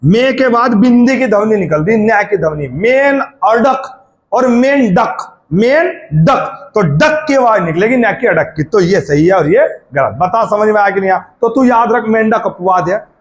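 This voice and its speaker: Male Hindi tutor with a high voice, talks to the student informally, asks and answers his own questions. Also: expressive. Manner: drawls words out slowly to spell out sounds. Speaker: Hindi teacher. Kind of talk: classroom-style video lesson.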